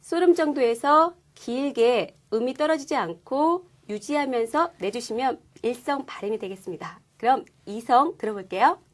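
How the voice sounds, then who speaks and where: High-voiced woman teaching a language lesson. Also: expressive, normal speed, hardly any pauses. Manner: clear, patient explaining with demonstrated sounds. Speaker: Korean-speaking Chinese language teacher. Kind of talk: scripted lesson presentation.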